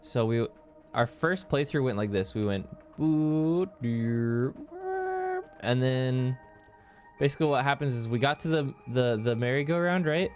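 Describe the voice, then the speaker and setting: A man's voice: mid-range voice, moderate pace, faint music behind. A man streaming a game, recapping it in casual chat and jumping into silly voices and sound effects.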